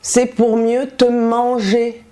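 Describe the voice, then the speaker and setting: A woman's voice: fairly high pitch, flat delivery, mellow. A woman voicing a sly, hungry male wolf who fakes a sweet voice, reading a storybook tale. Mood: slow menacing. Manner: sugary, then slow and menacing.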